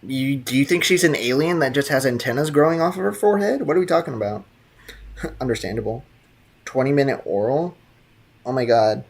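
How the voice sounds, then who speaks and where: A young man streams a video game, chatting with viewers and reading live chat in a laid-back, slangy way. His medium-pitched voice is gravelly, animated and brisk, and he laughs often.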